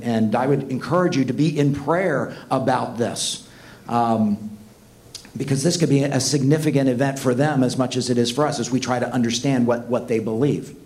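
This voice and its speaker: A man's voice: mid-range voice, darkish tone. A man preaching a sermon to students, earnest and emphatic, full of rhetorical questions.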